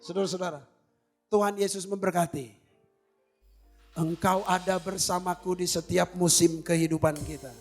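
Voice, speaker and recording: High-pitched, gravelly man preaching. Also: normal speed, pauses often, faint music behind. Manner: animated storytelling, acting out both sides of a dialogue; rises to near shouts at climaxes. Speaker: pastor. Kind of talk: sermon with acted-out anecdote. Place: church.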